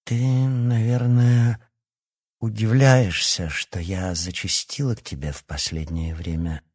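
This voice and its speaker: A man with a low, husky voice voicing a proud, blunt young werewolf princess in an audiobook. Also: fairly even intonation, slow, darkish tone, no room sound, studio quality. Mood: earnest, forthright.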